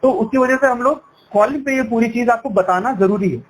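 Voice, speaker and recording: A man's very high-pitched voice moves briskly as he works a call as an education sales counselor. He explains persuasively, switching between Hindi and English and checking in with tag questions. The recording of the sales call is noisy.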